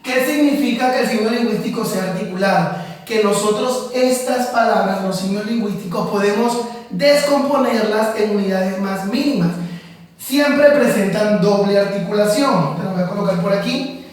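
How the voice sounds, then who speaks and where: Male teacher for a class lesson, slow and deliberate explainer, very echoey room, off-mic. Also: high voice, recorded from a distance.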